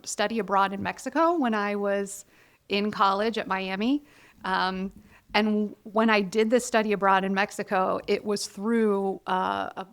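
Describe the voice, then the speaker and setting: A woman in her forties from Ohio, a guest in a casual interview, talking candidly and with self-deprecating humor. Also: mid-range voice. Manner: candid, self-deprecating, quotes others in lively voices. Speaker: guest, college counselor.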